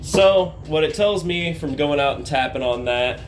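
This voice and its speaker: A man's voice: fairly high pitch, unhurried. A man talking casually like a hands-on mechanic, explaining a repair to the camera in an informal, folksy way. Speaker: amateur mechanic presenting a truck repair. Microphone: handheld camera held while working. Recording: clear vehicle and engine noise.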